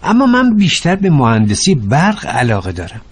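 A man voicing an earnest teenage boy student in a dubbed drama who quickly takes offense. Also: on the high side, wildly swooping pitch, breathy edge, full character voice.

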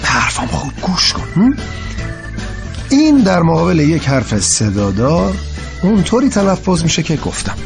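A man's voice: fairly high pitch, very animated, vocal fry, faint music behind. A man voicing a young male engineering-student tutor in a dubbed drama, upbeat but easily exasperated. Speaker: private tutor.

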